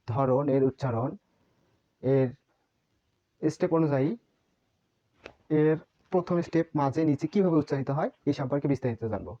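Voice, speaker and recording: Language teacher, mellow voice, patient drilling, dull lo-fi recording. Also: mid-range voice. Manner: patient, repeats each sound many times as a drill. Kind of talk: online language lesson.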